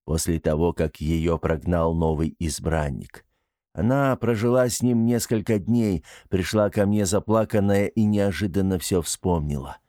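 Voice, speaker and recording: A man's voice: low voice, steady tone, unhurried, dark tone, dry recording, clean studio sound. A man voicing a gloomy, deferential old tribesman in an audiobook, hesitant, subdued and mournful. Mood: gloomy, embarrassed. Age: older.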